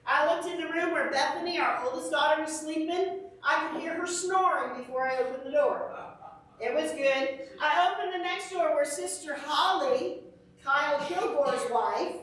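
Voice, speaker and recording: A middle-aged woman, telling a lively story as a children's church teacher. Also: high-pitched, moderate pace. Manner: animated storyteller, shrieks when acting out fright. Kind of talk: storytelling lesson to kids. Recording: echoey church room, from far off the mic.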